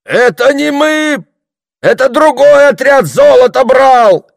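A man voicing a threatening young male armed raider in an audiobook, loud and menacing. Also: high-pitched, sing-song, takes it slowly, creaky, no echo, clean studio sound, pitched above the performer's own voice, full character voice.

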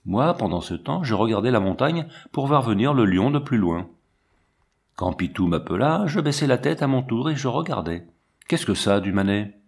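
A man narrating a classic adventure story in a lively, expressive reading style. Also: medium pitch, moderate pace. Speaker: audiobook narrator.

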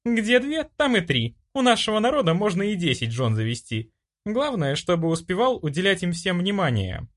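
A man's voice: high-pitched, very animated, normal speed, fairly bright tone, pitched above the performer's own voice, exaggerated voice. A man voicing a brash, self-assured young woman in an audiobook, bossy and pushy. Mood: haughty.

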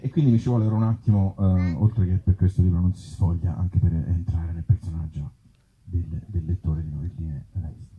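On stage at an olive-grove festival outdoors, a man who is both actor and author talks casually about his own book. His deep voice stays steady at a moderate pace, with dry, self-mocking humor. The sound is phone-quality.

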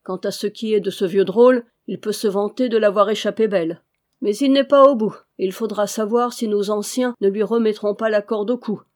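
A woman voicing a gruff male outlaw who speaks curtly, in an audiobook reading. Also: medium pitch, moderate pace, hardly any pauses, dark tone, natural voice. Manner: gruff, curt.

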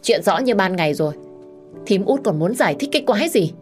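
A woman voicing a spoiled, dramatic pregnant young wife who makes shrill, sobbing accusations. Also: lively intonation, a little fast, a little mellow, soft background music, lightly acted. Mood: indignant.

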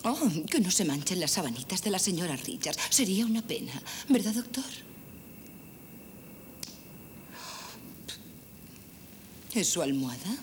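A woman's voice: lowish voice, animated, fast, a little hiss or hum, natural voice. An actress dubbing a volatile married woman in a film drama, sly and bitterly resentful, with theatrical intensity. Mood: sly teasing. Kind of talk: dubbed film drama acting.

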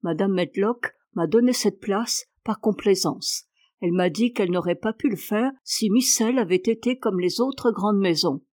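A woman's voice: medium pitch, normal speed, darkish tone, no echo, studio quality, close to an everyday voice. Lady reader doing a down-to-earth country maid, frank and kindly, storybook servant girl. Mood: matter-of-fact. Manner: frank, homely, cheerful. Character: plain-spoken good-natured young country maid.

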